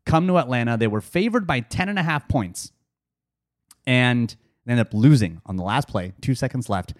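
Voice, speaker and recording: A man's voice: medium pitch, lively intonation, normal speed, dry recording, clean studio sound. A man hosting a casual sports podcast, a bit nasal from seasonal allergies, chatty and joking. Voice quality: nasal from cedar fever. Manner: chatty, joking, loose fillers and laughs. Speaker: podcast host.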